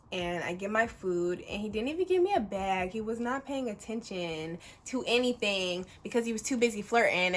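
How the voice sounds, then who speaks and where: A woman of about twenty telling a story to camera in a casual, animated, chatty way, full of fillers and swearing. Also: medium pitch, a little hiss or hum. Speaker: vlogger.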